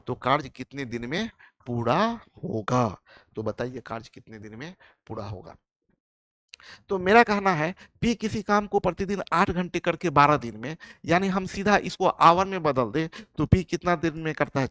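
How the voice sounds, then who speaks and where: A man's voice: a little high, fairly bright tone, no room sound, clean studio sound. A man teaching a live online maths class, explaining each step and often asking the class whether they follow. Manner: explains step by step, often asks the class "yes or no", calls students "friend".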